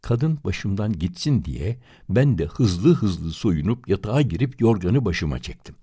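A man reading a literary story aloud in first person, with an expressive, dramatic manner. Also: lowish voice, creaky, breathy edge, dry recording, clean studio sound. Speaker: audiobook reader.

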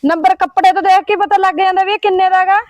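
A woman's voice: extremely high pitch, steady tone, fast, no echo. A woman with a Punjabi accent plays a proud, defiant village neighbour who brags and talks back. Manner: boastful, defiant retorts.

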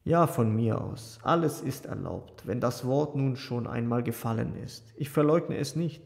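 A sardonic young thinker, as a male audiobook reader puts him on, cool and argumentative. the voice is slow and gravelly, with a long hall-like reverb around it. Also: mid-range voice, a little mellow. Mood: wry. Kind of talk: audiobook character voice.

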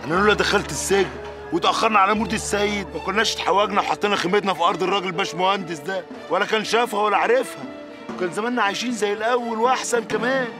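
An actor playing a distraught working-class brother blaming himself, in Egyptian Arabic. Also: male voice, high-pitched, very fast, music in the background, lightly acted. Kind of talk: TV drama acting.

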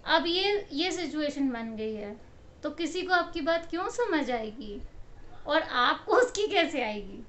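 A woman's voice: high voice, slow. A woman giving a casual motivational talk straight to camera, telling everyday stories and acting out what people say, often laughing. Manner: animated storytelling, acts out quotes, laughs often. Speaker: motivational speaker. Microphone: camera mic.

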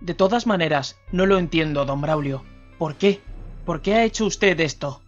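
A man's voice: fairly high pitch, moderate pace, close to an everyday voice. Anxious but firm older man, read by a male narrator; urgent delivery over faint music. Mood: incredulous. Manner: urgent, insistent. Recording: slightly dull radio recording, faint music.

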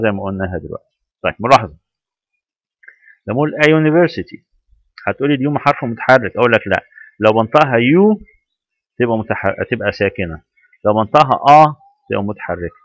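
A man with an Egyptian Arabic accent teaching English grammar, quizzing the listener with rhetorical questions and spelling out examples slowly. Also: on the low side, dry recording, muffled recording. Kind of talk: grammar lesson.

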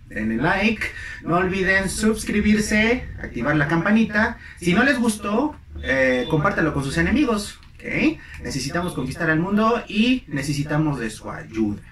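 A man's voice: a little high, fairly bright tone. Young man teaching English at a whiteboard. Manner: drills phrases by repetition, playful asides. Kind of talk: bilingual classroom lesson. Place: small room at a whiteboard. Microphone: camera mic from a few feet away. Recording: roomy, distant mic, faint hiss.

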